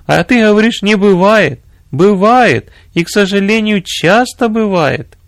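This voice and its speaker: A man's voice: mid-range voice, fairly even intonation, a little fast, vocal fry, dark tone, dry recording, studio quality, close to an everyday voice. A man voicing an indignant middle-aged general's wife who scolds with pointed rhetorical questions.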